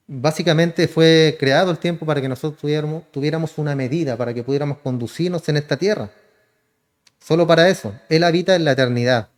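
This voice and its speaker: Pastor preaching in a reverberant hall. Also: male voice, on the high side. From Chile. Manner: addresses listeners as "hermano", asks and answers his own questions. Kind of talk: sermon.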